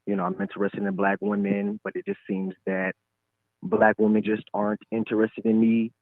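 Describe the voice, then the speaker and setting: A man in his twenties from Michigan speaks as a caller to a live show, his voice heard over a phone line. His voice sits fairly low, and he talks in a hesitant, halting way full of fillers. The line sounds thin, tinny and dry. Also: creaky, dry recording. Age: 20s. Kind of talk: casual call-in chat.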